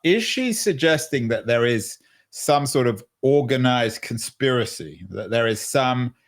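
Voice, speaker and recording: A man's voice: medium pitch, lively intonation, unhurried. A man hosting a podcast, pushing back in a casual debate with skeptical, sarcastic interjections. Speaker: podcast host.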